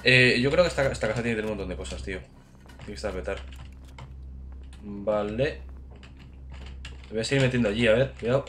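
Excitable Spanish man gaming. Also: on the low side, a little fast, pauses often, slight background noise. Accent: Spain Spanish. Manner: excitable, swearing, cheering on teammates. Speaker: gaming channel host. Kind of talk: casual gameplay commentary.

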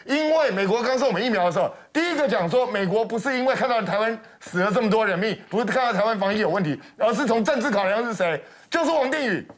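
A man's voice: high-pitched, expressive, fast talker, few pauses. A man with a Taiwanese Mandarin accent giving heated talk show commentary in a television studio, scornful and full of sarcastic rhetorical questions. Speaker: political commentator.

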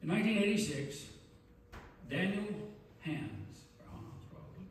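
A man preaching a sermon as pastor, earnest and measured, with emphatic pauses. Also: a little high, big pitch swings, slight background noise. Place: large church sanctuary. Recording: very echoey church from far off.

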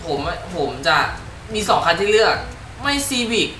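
A man's voice: high voice, expressive, takes it slowly. A young man giving casual let's-play commentary, rambling and swearing as he corrects himself. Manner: rambling and profane, self-correcting. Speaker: gamer. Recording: echoey room with loud game music.

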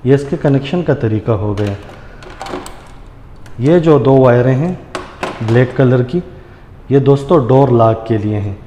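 Speaking at a measured pace with frequent pauses, this tutorial host has a medium-pitched, expressive voice with a dark tone, captured with lo-fi sound. He explains things step by step in a casual, hands-on way, treating viewers like friends, while standing at a granite counter in a tiled room indoors. The hard-walled space makes the noisy audio echo.

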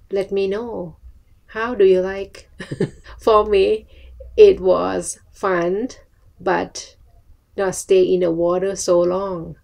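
A middle-aged woman from Thailand with a Thai accent tells a personal story to camera in halting, simple English phrases. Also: fairly low pitch, gravelly, warm tone. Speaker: vlogger. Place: small furnished room at home, indoors.

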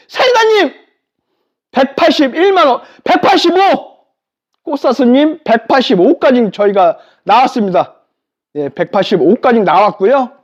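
An excitable live-stream auctioneer selling furniture, calling out bids and repeating prices. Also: medium pitch. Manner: excitable, exclaiming. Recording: dull lo-fi live-stream audio.

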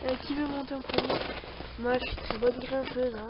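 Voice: sits high, flat delivery, moderate pace. A young girl voicing her toy figures as they play on ice outside, playful, swearing and crying out in pain. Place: outdoors on ice in winter. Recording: dull sound, loud outdoor noise.

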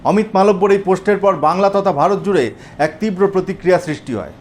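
A man narrating a political news report in a steady, earnest scripted delivery that addresses viewers as friends. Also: high-pitched, quick pace, a little hiss or hum.

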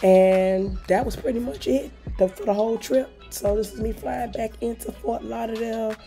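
A woman with a hoarse, worn-out voice giving a frank, sweary, casual vlog voice-over. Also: a little high, fairly even intonation, moderate pace, dark tone, soft background music. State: hoarse, voice nearly gone. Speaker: travel vlogger.

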